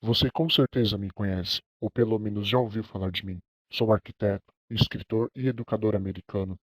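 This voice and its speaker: A student reading as a proud old architect. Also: male voice, lowish voice, brisk, no echo, lightly acted. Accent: Brazilian Portuguese. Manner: proud, self-presenting, steady reading. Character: famous elderly male American architect, proud of his work. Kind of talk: scripted first-person narration for a class project.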